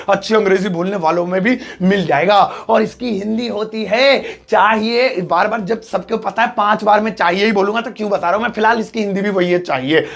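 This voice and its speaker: A man teaching English grammar in a classroom, explaining with a joking, lively manner and acted examples. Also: high-pitched, vocal fry. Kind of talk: classroom lesson.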